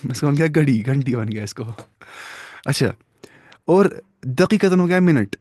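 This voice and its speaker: Voice on the high side, a little mellow and lively in intonation, a man leads an Arabic class, quizzing his students patiently and complimenting their replies. English words slip into his explanations, and the recording is dry.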